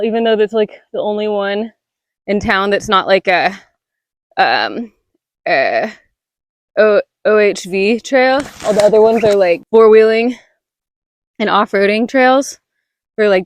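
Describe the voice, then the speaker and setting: A woman's voice: mid-range voice, dry recording. Breathless young woman vlogging on a walk. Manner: rambling, lots of "like" fillers, laughs often. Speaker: spiritual vlogger. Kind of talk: casual walking vlog. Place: outdoors on a rainy hiking trail. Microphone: body-worn mic close to the mouth.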